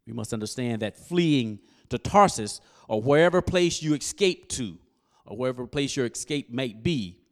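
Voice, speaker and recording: A man preaching a sermon, quizzing his congregation and building up to loud exhortation. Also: mid-range voice, normal speed. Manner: call-and-response with the congregation; animated, rising to loud exhortation. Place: church service.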